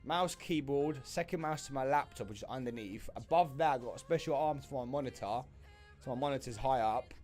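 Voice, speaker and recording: A man's voice: mid-range voice, fairly quick, a little mellow, faint music behind. A young man hosting a trading livestream from his home desk, chatting casually through a desk microphone, full of fillers and greetings to viewers.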